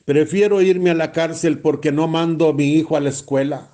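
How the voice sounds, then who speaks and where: Man, priest, sermon, blunt, emphatic, fairly high voice. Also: steady tone, normal speed, dark tone. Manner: blunt, emphatic, repeats phrases for stress.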